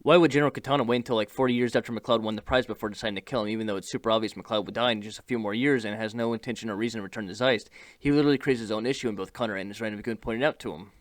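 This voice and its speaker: A man narrating a scripted film review voice-over in a brisk, wry manner, rattling off critical questions. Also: lowish voice, no echo. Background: background music.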